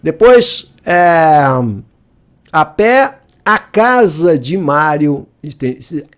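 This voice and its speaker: Male teacher, higher voice, jokey and lively, talks straight to the viewer. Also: extremely slow. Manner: lively, joking, asks the viewer questions often. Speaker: Portuguese teacher. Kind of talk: exam-review lesson.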